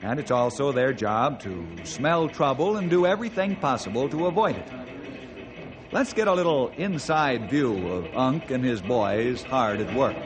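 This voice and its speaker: Casting: man as friendly ranger host of a children's old radio drama, scripted storytelling, mid-pitched voice. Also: animated, normal speed, close to an everyday voice. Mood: explanatory. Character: friendly forest ranger telling his adventures to children. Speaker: host and narrator.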